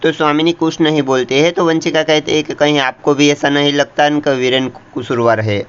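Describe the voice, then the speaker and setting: A man tells a TV serial episode back scene by scene in a steady, chatty storytelling flow, addressing his viewers as friends. His voice sits a little high and sounds smooth and clear. The recording itself is dull and lo-fi. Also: a little fast. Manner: retells scenes in a steady storytelling flow, often with "then she says". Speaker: channel host recapping a TV serial. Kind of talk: casual episode recap narration.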